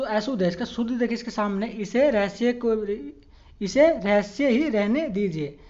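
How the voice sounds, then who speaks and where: A woman teaching an exam-prep lesson, reading each example sentence slowly and checking in with frequent fillers. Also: mid-range voice, darkish tone. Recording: dull lo-fi audio.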